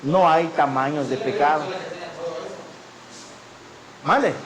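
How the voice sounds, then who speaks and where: A man preaching a sermon as pastor, animated and storytelling, often taking on the voices of others. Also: fairly high pitch, slow, roomy sound, crowd noise, low-quality recording. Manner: animated preaching, acting out the people in his stories.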